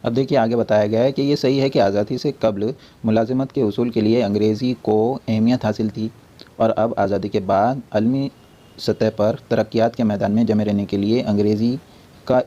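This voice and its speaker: A man teaches a class, putting questions to his listeners and answering them himself while he goes over each point again. His voice is mellow and dark. The recording sounds dull and lo-fi. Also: fairly low pitch, fairly even intonation, moderate pace. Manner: repetitive, explanatory. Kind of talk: classroom lecture.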